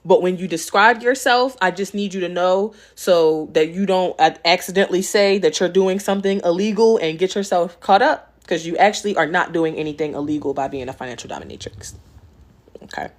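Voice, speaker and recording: A woman's voice: on the low side, brisk. A woman from West Baltimore with a Baltimore accent, hosting a casual question-and-answer vlog in a blunt, profane, streetwise way. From Baltimore, West Side. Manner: chatty, loops back with "okay?" and "you know what I'm saying". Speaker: host answering viewer questions.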